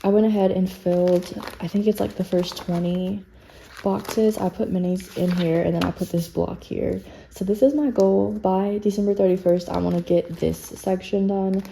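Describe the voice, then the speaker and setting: Gravelly, mellow woman chatting through cash budgeting. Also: fairly low pitch, a little hiss or hum, rough recording. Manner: chatty, self-deprecating, counts bills under her breath. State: a little out of breath. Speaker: budgeting vlogger. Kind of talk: casual talk while cash stuffing.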